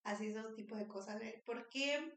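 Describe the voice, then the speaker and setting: Chatty woman co-host. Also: a little high. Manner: chatty, supportive back-channeling. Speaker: podcast co-host. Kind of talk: casual chat. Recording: roomy, distant mic.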